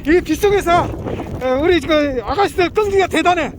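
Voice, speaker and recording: A middle-aged man talks casually as a fishing guide in an extremely high, exclamatory voice. He repeats short bits of encouragement. Loud wind and rain noise runs over the outdoor recording. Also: moderate pace. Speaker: fishing guide and pension host. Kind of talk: casual chat while coaching guests at fishing.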